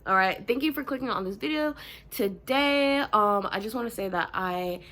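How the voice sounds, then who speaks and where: A young Southern woman who reads Reddit stories on YouTube chats casually with her viewers in a home room, full of ums and y'alls. Her medium-pitched voice sounds stuffed-up and congested yet fairly bright, with lively intonation and a moderate pace, in a casual vlog style.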